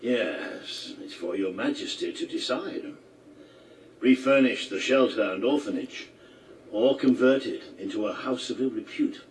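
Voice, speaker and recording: An actor playing a courteous, formal royal adviser in a video game, speaking in a measured theatrical way. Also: male voice, medium pitch, close to an everyday voice. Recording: distant game audio, background noise.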